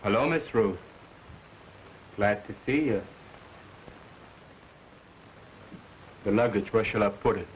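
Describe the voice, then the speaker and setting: An actor playing a gruff, resentful household servant in early 1930s film style, on a muffled old soundtrack. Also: male voice, lowish voice, moderate pace, slight background noise, close to an everyday voice. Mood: deferential.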